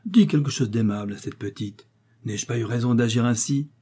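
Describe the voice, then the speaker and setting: Brief: exuberant, boastful older pharmacist, loud and showy, mellow tone, voiced by a male reader. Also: mid-range voice, moderate pace, breathy edge, natural voice. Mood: coaxing. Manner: boastful, gesticulating chatter. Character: exuberant, pompous small-town pharmacist, older man.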